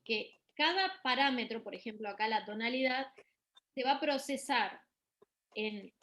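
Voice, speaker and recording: A middle-aged woman lectures on music therapy. Her voice sits a little high, and she explains step by step, pausing on fillers and restarting phrases. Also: a bit bright, poor audio. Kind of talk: university lecture.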